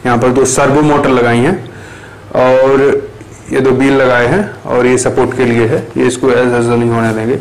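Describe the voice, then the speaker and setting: A man's voice: medium pitch, fairly even intonation, normal speed, rough recording. A young man casually explaining a homemade machine step by step, with hesitant fillers and restarts, recorded on a camera a few metres away in a small bare room. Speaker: maker showing a build.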